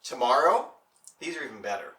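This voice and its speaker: Bright-voiced man hosting a cooking show. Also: medium pitch, lively intonation, fairly quick, far from the mic. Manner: chatty, explains steps while working. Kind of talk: casual cooking demonstration. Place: home kitchen. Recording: roomy echo, mic set back.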